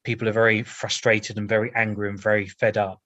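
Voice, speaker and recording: A man's voice: lowish voice, level tone, a little fast, a bit bright, dry recording, highs cut off. Hesitant male councillor in a committee meeting. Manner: hesitant, repeats words, jokes lightly.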